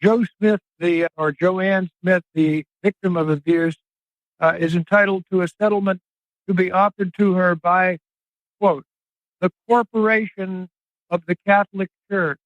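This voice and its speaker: An older man speaking as an investigative reporter and guest, in an earnest, emphatic interview monologue with drawn-out phrasing. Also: sits high, fairly even intonation, dry recording. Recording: dry, slightly dull podcast audio.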